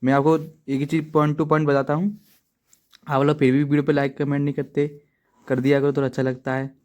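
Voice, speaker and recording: A man's voice: on the high side, level tone, moderate pace, darkish tone. A man teaching programming in a casual, chatty way, often checking in with his viewers and making self-deprecating asides. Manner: chatty, repeats "ठीक है दोस्तों" often. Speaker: coding teacher. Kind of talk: casual tutorial explanation. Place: at home writing in a notebook.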